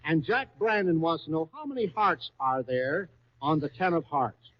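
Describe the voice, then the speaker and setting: A fairly high-pitched, lively man runs an old radio quiz in front of a studio audience, prodding players with repeated questions and excited exclamations at a moderate pace. The 1939 broadcast, captured on a stage microphone, sounds muffled and low-fidelity.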